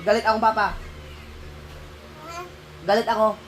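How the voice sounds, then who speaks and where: A man's voice: high voice, steady tone, unhurried, fairly bright tone, slight background noise. A man speaking for his toddler, voicing a sulky, whiny child complaining to his father. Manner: whiny, pouting.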